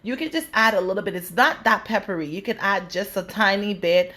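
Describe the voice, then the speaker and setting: A woman's voice: mid-range voice, brisk, a bit bright. A woman from the Bahamas hosting a cooking show, chatting through each step of a recipe and calling her viewers "guys".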